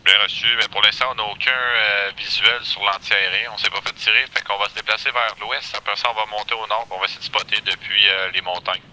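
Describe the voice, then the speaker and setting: A man's voice: fairly low pitch, steady tone, fairly quick, hardly any pauses, pushed and bright, low-quality recording. A man, leading a recon team in a military game, giving clipped reports heard over a walkie-talkie radio. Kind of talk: tactical radio chatter.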